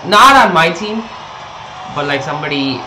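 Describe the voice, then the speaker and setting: Young sports fan reacting live, lively pitch. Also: male voice, moderate pace, echoey room, noisy background. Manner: invested fan, exclaims in slangy bursts. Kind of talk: casual live basketball reaction commentary.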